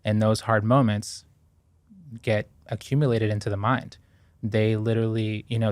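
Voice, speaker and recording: Speaking in a voice on the low side, with no room sound, a man in his thirties from Ecuador appears as a podcast guest. His interview talk is reflective, earnest, and thoughtful as he recalls his past, and it is peppered with fillers and restarts.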